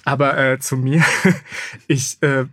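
A man who is the author and guest, talking in a measured, self-deprecating way and reading his book aloud. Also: medium pitch, level tone, a bit bright, dry recording, clean studio sound. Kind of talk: casual interview and audiobook reading.

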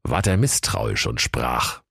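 A man with a very deep voice reads a comic fairy tale with playful, theatrical flair. His voice swoops widely across its range. The sound is dry and close. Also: very animated, takes it slowly, creaky, a bit bright, slightly rough, no room sound. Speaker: narrator.

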